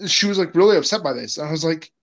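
Laid-back rambling man, slightly high voice. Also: lively intonation, quick pace, creaky, a bit bright. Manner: laid-back, rambling, laughs often, swears. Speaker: podcast guest, film director. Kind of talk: casual podcast chat.

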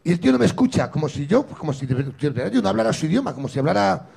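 A middle-aged man from Spain hosting a comedy show, telling a story with a gravelly, husky voice and acting out both sides. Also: fairly high pitch, sing-song, rapid-fire, warm tone. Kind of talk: stand-up style storytelling.

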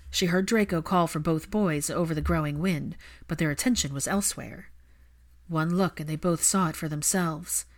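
This is a woman performing scripted fiction the way an audiobook narrator would, her voice a touch lower than typical for a woman.

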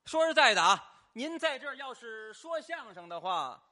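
A man's voice: very high voice, big pitch swings, moderate pace, pushed and bright. A man performing crosstalk comedy on a theater stage, telling a story in an exaggerated, mock-wailing way.

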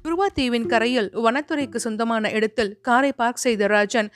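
A woman reads a detective story aloud in a steady, descriptive storytelling voice. Her voice sits fairly high, with faint music playing beneath. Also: moderate pace. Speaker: narrator. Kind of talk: storytelling reading.

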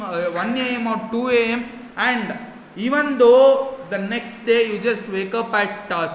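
High, bright-voiced man podcasting in echoey room. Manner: earnest, emphatic, repeats key phrases. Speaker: podcast host. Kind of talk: motivational monologue podcast. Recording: echoey reverberant room, faint noise.

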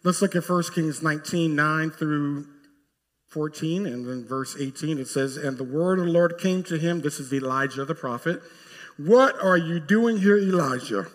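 A man preaching a sermon as pastor, telling a scripture story with emphatic rises to forceful peaks. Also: fairly high pitch, fairly even intonation, moderate pace, big-room sound.

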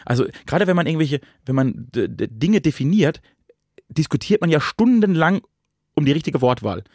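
A man's voice: a little high, sing-song, fairly quick, darkish tone, no room sound, clean studio sound. A man co-hosting a podcast in a casual chat, reasoning things out at length with restarts. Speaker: podcast co-host.

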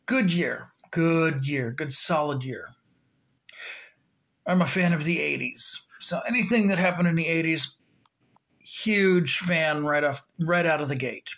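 A man's voice: a little high, slow, long pauses, a bit bright. A man hosting his own podcast, chatting in a loose, rambling way with plenty of fillers. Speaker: podcast host. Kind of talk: casual solo podcast talk.

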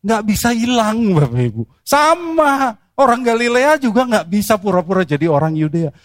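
A man preaching a sermon, reading scripture and pressing his points with rhetorical questions and sharp emphasis. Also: high-pitched, sing-song, normal speed, dry recording, studio quality.

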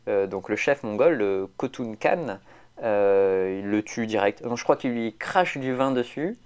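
A man's voice: fairly low pitch, animated, unhurried, a little mellow, smooth. A man, chatting casually as a podcast co-host, rambling with lots of fillers and restarts. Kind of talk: casual chat.

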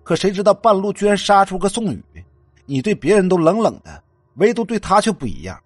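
A man voicing a jealous, obsessive young man in a spoken ghost story, shouting in a raised voice. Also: very animated, brisk, dry recording. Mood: bitter, obsessed. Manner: shouting, raised pitch, laughing madly.

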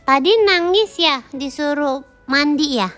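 High-voiced mother coaxing her toddler. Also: measured pace, a bit bright. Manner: coaxing, playful questions to a small child. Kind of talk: casual family chat.

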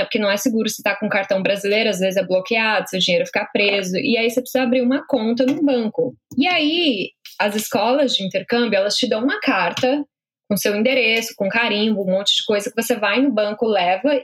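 A woman's voice: fairly high pitch, brisk. A young Brazilian woman with a Brazilian Portuguese accent, animatedly telling a funny story in casual chat, laughing as she goes.

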